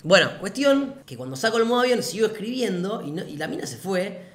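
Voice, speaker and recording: A man's voice: sits high, sing-song, a little fast. Slangy Rioplatense young man, echoey room. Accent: Rioplatense Spanish. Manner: slangy, profane, laid-back. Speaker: vlogger. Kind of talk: casual anecdote storytelling.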